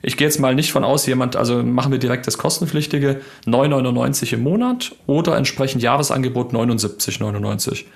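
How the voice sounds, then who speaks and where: Gravelly-voiced man in casual chat. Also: medium pitch, fast, few pauses. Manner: enthusiastic, explanatory. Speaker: podcast co-host.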